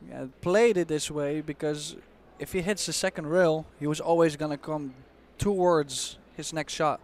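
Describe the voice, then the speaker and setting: A man giving expert analysis on a pool match as co-commentator, explaining shots in a measured way with casual fillers. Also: on the high side. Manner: explanatory, measured, uses fillers like "you know".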